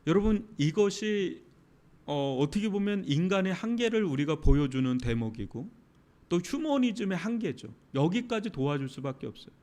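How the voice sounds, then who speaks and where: Male pastor, lively sermon, rising pitch, sudden shouted bursts then hushed lines. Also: normal speed. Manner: animated, dramatic preaching with sudden loud outbursts and soft drops.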